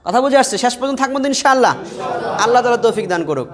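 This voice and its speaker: A man's voice: very high-pitched, lively intonation, very fast, crowd noise. A man teaching Quran reading in a classroom, quizzing his students with questions and drilling letters by repetition. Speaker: Quran teacher and mosque preacher. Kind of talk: classroom lesson. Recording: reverberant hall.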